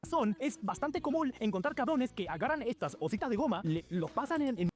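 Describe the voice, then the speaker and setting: Sarcastic fast-talking Argentine man. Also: very high-pitched, big pitch swings. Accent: Argentine Spanish. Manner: sarcastic, exasperated ranting. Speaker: video narrator. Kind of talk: comedic scripted narration.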